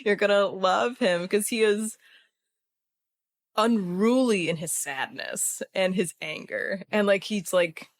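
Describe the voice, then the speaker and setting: A woman's voice: mid-range voice, slow pace. A woman guest on a casual podcast, gushing about a show she loves, speech full of fillers. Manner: gushing, filler-heavy fan talk. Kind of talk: casual chat.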